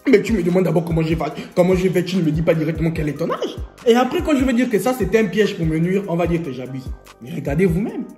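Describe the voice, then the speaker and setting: Young male vlogger, high voice, playful storyteller, echoey room, faint music underneath. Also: quick pace. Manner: lively, joking storyteller who laughs often. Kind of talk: storytime vlog.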